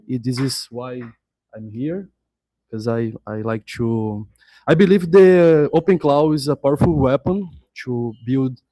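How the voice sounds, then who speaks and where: A man from Brazil, a software developer, introducing himself earnestly while searching for words. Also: mid-range voice, no room sound. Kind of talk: self-introduction.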